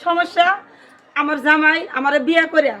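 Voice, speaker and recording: A young woman, telling her story in a street interview, loud and demanding at times. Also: high voice, steady tone, normal speed, a little hiss or hum. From Sirajganj, Bangladesh. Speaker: complainant.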